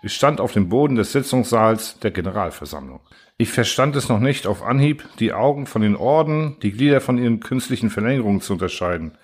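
A man's voice: on the low side, lively intonation, fairly quick. Man narrating an audiobook steadily. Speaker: audiobook reader. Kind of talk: first-person audiobook narration.

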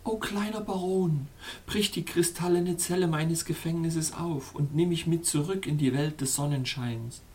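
A man's voice: fairly high pitch, measured pace, darkish tone, voice pushed up, lightly acted. A man doing a pleading little chimpanzee. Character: small male chimpanzee frozen in ice, pleading.

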